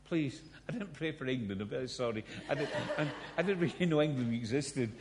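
A man's voice: medium pitch, animated, fairly quick, background noise. Scottish man preaching in an echoing hall. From Scotland. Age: 50s. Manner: storytelling with self-mocking humour. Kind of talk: sermon. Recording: long hall reverb.

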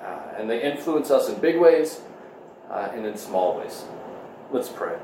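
A man in his thirties, a pastor giving a conversational sermon and prayer streamed online from home, pausing often with "uh". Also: mid-range voice, expressive, far from the mic, background noise. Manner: conversational, full of "uh" fillers. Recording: echoey room.

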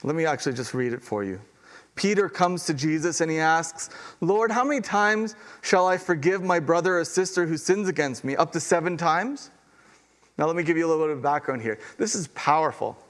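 A man preaching a sermon, telling a parable in a conversational, animated way and acting out the quotes. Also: on the high side, a little fast. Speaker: pastor.

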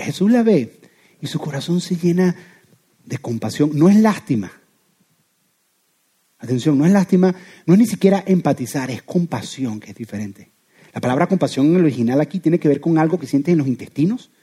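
A pastor preaches an animated sermon, explaining with everyday examples. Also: male voice, a little high.

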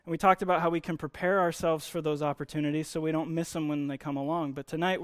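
A man with a fairly high-pitched voice delivers a conversational sermon, explaining Bible teaching informally and putting emphasis on key words.

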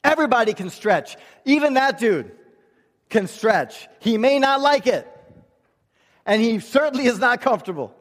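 Recorded with reverberant hall sound, a male pastor preaches a church sermon to a congregation in a large room. His voice is very high-pitched and sing-song at normal speed, and his delivery is emphatic and conversational, full of rhetorical questions and repeated phrases.

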